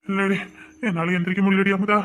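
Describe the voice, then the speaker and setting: A woman's voice: mid-range voice, level tone, brisk, lightly acted. A woman voicing a frightened husband who groans weakly in bed with a fever. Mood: sick, shaky. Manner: weak, groaning.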